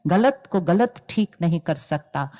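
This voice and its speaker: A woman giving a calm spiritual talk to an audience, explaining ideas and telling stories with quoted dialogue. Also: on the low side, slow pace. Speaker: spiritual teacher.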